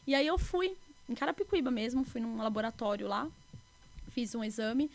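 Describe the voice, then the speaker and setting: A woman telling a personal story as a podcast guest, animated and emotional, acting out what people said to her. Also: on the high side, normal speed. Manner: emotional, animated retelling with quoted dialogue. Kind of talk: casual interview storytelling.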